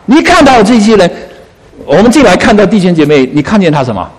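Animated male pastor, big hall echo. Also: high-pitched, quick pace, breathy edge. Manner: animated, coaxing, asks listeners questions. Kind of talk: sermon.

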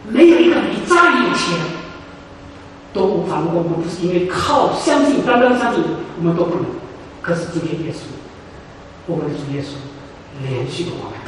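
Male preacher, animated delivery swinging up and down, distant mic in a reverberant church hall with faint noise. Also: high voice, a little fast, pauses often. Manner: emphatic, repeats phrases for stress. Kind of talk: sermon. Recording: echoey hall, voice from far off.

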